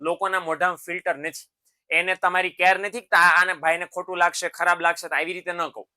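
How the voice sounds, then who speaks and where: A man's voice: high voice, flat delivery, brisk, pushed and bright. A man giving a motivational lesson to students. He talks in a fatherly way, calls them his sons and keeps checking in with tag questions. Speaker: teacher.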